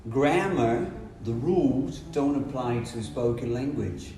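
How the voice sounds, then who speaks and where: A Brazilian English teacher whose first language is Portuguese explains things on a podcast in a medium-pitched, mellow voice with lively intonation and a slow pace. He's emphatic, repeating short phrases, while a distant mic in a roomy, echoey space picks him up with music playing behind.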